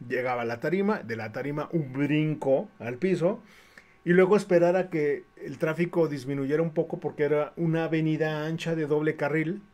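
Lively Mexican man telling a story. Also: a little high. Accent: Mexican Spanish. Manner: lively and animated, with many restarts. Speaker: comic artist and livestream host. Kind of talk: casual storytelling on a livestream.

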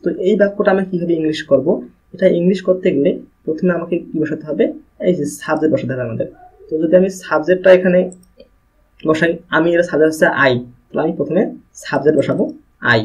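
A man's voice: fairly high pitch, quick pace, pauses often, husky. A man with a Bangladeshi accent teaching an English grammar video lesson, explaining step by step and asking and answering his own questions. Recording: muffled lo-fi recording.

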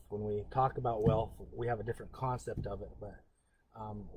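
A man from Northern California giving a live-streamed educational talk as a cultural educator. He speaks in an earnest, halting way, with frequent pauses and restarts. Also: mid-range voice, dark tone, poor audio.

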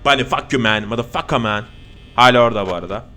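A man giving casual, jokey horror gameplay commentary as a streamer. He gets excitable, swears often and talks straight to his viewers. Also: medium pitch, quick pace, a little hiss or hum. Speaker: gaming streamer.

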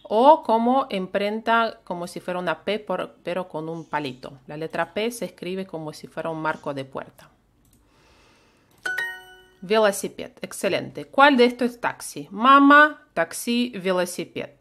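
A woman's voice: lowish voice, moderate pace, few pauses, soft background music. A woman with a Russian accent, a native Russian speaker, teaching a live online language lesson and patiently repeating phrases for learners to copy.

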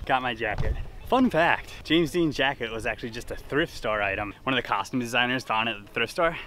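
A man in his twenties chatting casually and excitedly to a camera held at arm's length outdoors, with an enthusiastic, slangy way of talking. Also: medium pitch, fairly quick, a little hiss or hum. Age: 20s. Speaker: vlogger. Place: outdoors at a busy hilltop landmark. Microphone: handheld camera at arm's length.

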